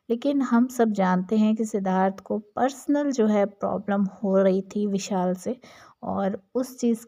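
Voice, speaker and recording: A woman's voice: medium pitch, mellow. A young woman talking casually about reality show clips, chatty and gossipy, with many fillers. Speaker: entertainment vlogger.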